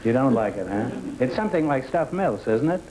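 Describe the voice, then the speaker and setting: A man's voice: mid-range voice, very animated, a little fast, a crowd in the background. Older man cracking wise as a quiz host. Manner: teasing, punning, drawling delivery. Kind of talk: wisecracking quiz show banter. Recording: noisy 1960 television broadcast recording.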